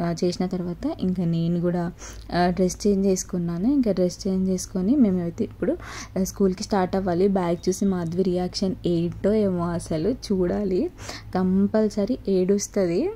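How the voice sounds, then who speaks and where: A woman's voice: lowish voice, fairly even intonation, moderate pace, warm tone. Young mother narrating her vlog chattily. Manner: chatty, step-by-step telling with frequent "aa" fillers. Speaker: vlogger and mother. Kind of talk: casual home vlog narration.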